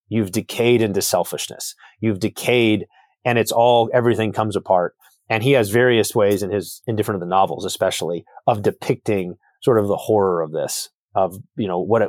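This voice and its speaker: A man's voice: lowish voice, a little mellow, dry recording, studio quality. A man, an author and guest, talking thoughtfully through theological ideas and often repeating words as he builds a point. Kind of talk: reflective theological conversation.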